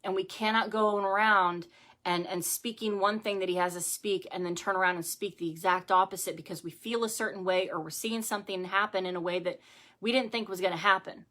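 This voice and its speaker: A woman's voice: mid-range voice, fairly even intonation, brisk, fairly bright tone. A middle-aged woman hosting a live-streamed devotional talk from home, speaking conversationally with many fillers and repeated phrases. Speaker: ministry host.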